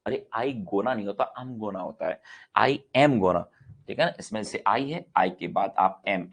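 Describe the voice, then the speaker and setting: A middle-aged male grammar teacher with a gravelly edge to his voice. He lectures like he's in a classroom, putting questions to his students and answering them himself. He says his example sentences again and again for practice. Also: mid-range voice. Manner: repeats example sentences several times for practice.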